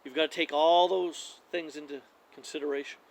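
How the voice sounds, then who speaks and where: A man giving a casual how-to demonstration of hunting calls, talking in a relaxed, conversational way with frequent fillers and restarts. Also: fairly high pitch, a little fast, creaky, rough recording.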